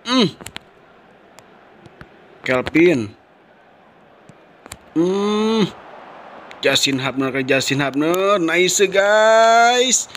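An Indonesian man giving excited, exclamatory football game commentary in the manner of a touchdown call, repeating catchphrases. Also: high-pitched, very slow, pauses often, a little hiss or hum. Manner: shouting, exclamatory, repetitive catchphrases. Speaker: football gaming channel host and commentator.

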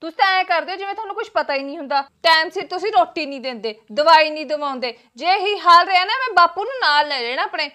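A woman's voice: extremely high pitch, lively intonation, fast talker, hardly any pauses, pushed and bright, heavily acted. A woman playing a stern scolding daughter. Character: stern grown daughter defending her father. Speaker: married daughter visiting her father.

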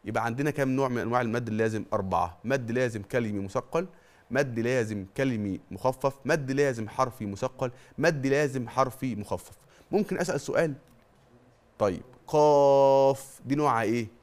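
A middle-aged Egyptian man gives a televised Quran recitation lesson in a mid-pitched voice. He quizzes the listener with quick questions and answers them himself. He draws out the long vowels slowly to demonstrate each rule. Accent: Egyptian Arabic. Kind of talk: TV tajweed lesson.

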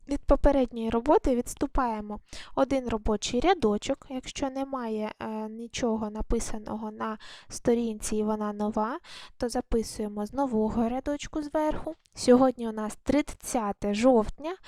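A woman's voice: a little high, normal speed, a little mellow, no echo. A woman primary school teacher giving a recorded class lesson, patiently asking questions and then answering them herself, with some hesitant fillers and self-corrections.

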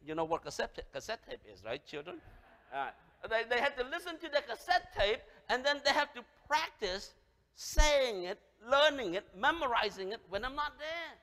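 At a moderate pace and in a very high-pitched voice, a pastor in his thirties preaches energetically, gesturing as he swings between loud calls and gentle words. He has a Cambodian accent, Khmer is his first language, and his headset mic picks up the long reverb of a large indoor sanctuary.

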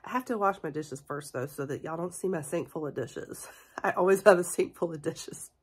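A woman in her forties chatting excitedly through a haul review vlog, stuffy from a cold, laughing often. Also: low voice, normal speed, husky. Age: 40s. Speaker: beauty and haul vlogger. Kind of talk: casual product review vlog.

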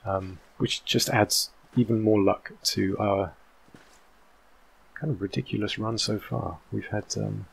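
A man from England in his thirties talks over a game in casual, rambling commentary, with a British accent worn partly American. His voice sits low and carries a gravelly fry. He fills his pauses with plenty of "um"s. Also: steady tone. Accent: British English mixed with American. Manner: rambling and chatty, with many "um" fillers. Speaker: gaming channel host. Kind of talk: casual let's-play commentary.

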